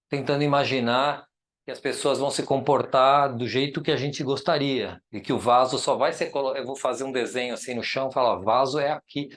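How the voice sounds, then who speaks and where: A man's voice: medium pitch, fairly bright tone. A man with a Brazilian Portuguese accent, an architect giving a chatty, enthusiastic informal lecture over slides, often checking in with the audience. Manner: chatty and enthusiastic, many tag questions. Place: lecture room.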